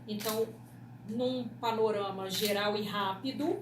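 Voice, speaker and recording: Speaking a little slowly, this Brazilian radio producer explains things in an interview and keeps tossing in short tag questions to check in. Her pitch is medium and her intonation fairly even. Clear background noise carries through an echoey room.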